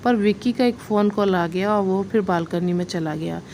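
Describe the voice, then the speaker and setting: A woman reads a story aloud in a plain, steady way, with small slips. Her voice is mellow and darkish, with a faint hiss of noise behind it. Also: mid-range voice, normal speed. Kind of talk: read-aloud story narration.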